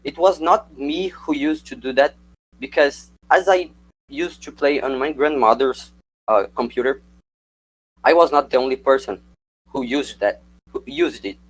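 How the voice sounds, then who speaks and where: Over poor audio, a young native Portuguese speaker presents from a script, calling for slides as he moves along. He speaks at medium pitch, a little slowly, with a breathy edge.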